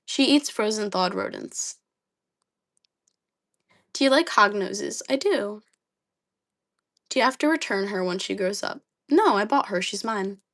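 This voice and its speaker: A young woman hosts a livestream, chatting casually and reading comments aloud with lots of ums and likes. Her mid-range voice is slightly dry yet expressive, and she takes her time, leaving long pauses.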